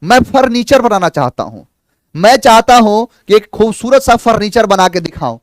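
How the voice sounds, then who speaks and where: A male grammar teacher giving a live online lesson, animated, acting out imagined student replies in quick back-and-forth dialogue. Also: high voice, no echo, clean studio sound.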